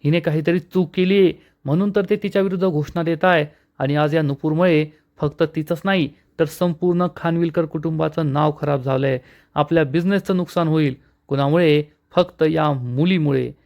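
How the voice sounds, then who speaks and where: A man doing a furious aunt who scolds and accuses without pause. The voice is pushed up high and sharp for her. The rant is harsh and relentless. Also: steady tone, highs cut off, natural voice. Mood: angry, accusing. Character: angry scolding middle-aged aunt, woman.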